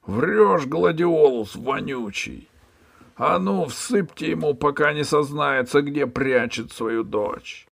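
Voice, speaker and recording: A shrill greedy hunchback tyrant. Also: male voice, expressive, a little slow. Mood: shrill bullying. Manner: screeching, bullying. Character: shrill cruel male hunchback overlord, greedy.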